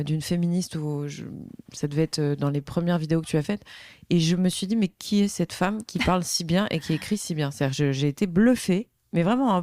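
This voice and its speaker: A woman's voice: low voice, mellow, no echo, clean studio sound. A woman hosting an interview podcast, talking effusively with many restarts. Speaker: podcast host. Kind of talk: interview conversation.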